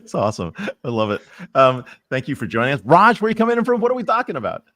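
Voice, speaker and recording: A man's voice: mid-range voice, animated, fast talker, a bit bright, no echo, studio quality. A man co-hosting a talk show over a video call, upbeat and effusive as he introduces guests. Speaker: co-host. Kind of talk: lively show intro chat.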